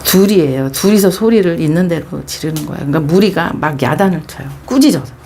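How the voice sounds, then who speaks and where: A woman's voice: low-pitched, lively intonation, a little fast, mellow, a little hiss or hum. A middle-aged woman pastor preaching a Bible devotional, telling the story expressively and dropping into whispers for emphasis.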